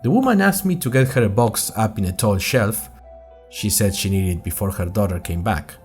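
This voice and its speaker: Over soft background music, a man with a lowish, darkish, expressive voice narrates at a moderate pace, lightly acted. He portrays an earnest young college student hosting an audio drama diary, telling his story in scripted first person with a wry, chatty, conversational manner that speaks directly to the audience.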